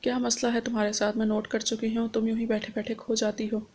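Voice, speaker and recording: A woman's voice: on the high side, flat delivery, fast talker, darkish tone, natural voice. A woman reading the lines of a caring, coaxing young woman friend.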